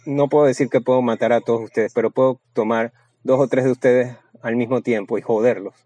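Man, mid-pitched, seminar voice-over, crude and boastful, dry close sound. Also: fairly even intonation, fairly quick, warm tone, no echo, poor audio. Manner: blunt, crude and boastful, with many restarts. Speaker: seminar speaker. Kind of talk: Spanish voice-over of a seminar talk.

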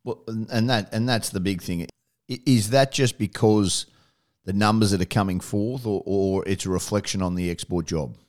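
Male rural radio host, Australian accent, lowish smooth voice, informal interviewing style. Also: moderate pace, a little mellow.

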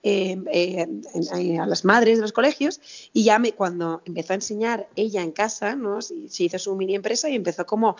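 A woman's voice: medium pitch, moderate pace, gravelly, highs cut off. A woman in her thirties from Spain, telling a story as an interview guest in a chatty way, with many restarts and quoted dialogue. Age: 30s. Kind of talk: casual interview chat.

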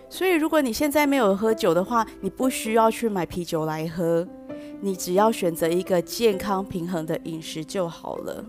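A woman hosting a bilingual English lesson who explains patiently and drops English phrases into her talk. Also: medium pitch. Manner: acts out example sentences with shifting stress. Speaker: language teacher host.

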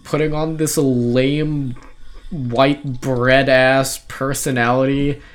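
A teenage man hosts a casual podcast. He talks slowly and drily, with plenty of swearing. His voice sits at a middle pitch. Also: flat delivery. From Australia. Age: teens. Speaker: podcast host. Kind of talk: casual chat.

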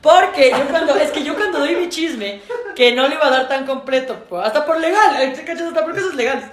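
A young woman, co-hosting a podcast in casual chat and telling stories quickly, often laughing. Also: high-pitched, background noise. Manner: fast, laughing, animated storytelling. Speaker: podcast co-host and stand-up comedian. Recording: roomy echo.

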